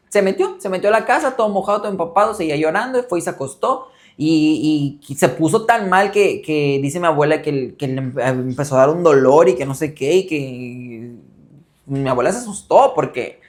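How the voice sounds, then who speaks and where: A young man with a Mexican accent hosting a casual show, telling a personal story with lively acted-out quotes and frequent laughter. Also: a little high, moderate pace. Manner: animated, acts out relatives' quotes, laughs often. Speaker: host.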